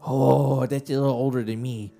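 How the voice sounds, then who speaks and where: A man's voice: medium pitch, steady tone, normal speed, creaky, mellow, soft background music, natural voice. A man voicing an eager, friendly eighteen-year-old lad who is polite, admiring and chatty.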